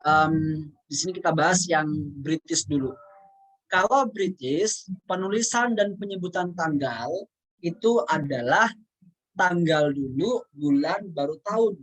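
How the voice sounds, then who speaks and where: Male teacher, patient casual lesson delivery, repeats key words, slows down for examples. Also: fairly high pitch, a bit bright, rough recording. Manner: reads English examples out slowly. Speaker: English teacher.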